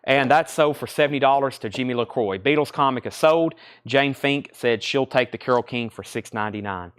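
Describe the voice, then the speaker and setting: A man's voice: medium pitch, fairly quick, fairly bright tone, clear, resonant tone. A man hosting a live record sale like an auctioneer, calling out items, prices, bids and names in unscripted sales patter.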